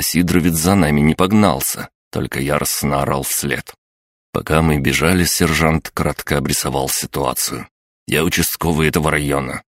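Very deep-voiced male audiobook narrator. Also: dry recording, studio quality. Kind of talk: first-person audiobook narration.

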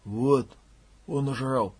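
A narrator gives voice to a sullen, evasive leader of starving men, answering in a flat low mutter. His tone stays husky and withdrawn. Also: takes it slowly.

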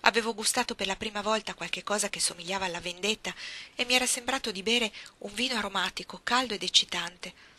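A woman narrating a classic novel in a measured, expressive reading. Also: medium pitch. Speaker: audiobook reader. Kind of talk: literary audiobook narration.

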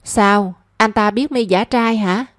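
A woman's voice: medium pitch, slow, no room sound, clean studio sound, natural voice. A woman voicing a cheeky, brash young woman who teases her friend. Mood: teasing. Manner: teasing, brash.

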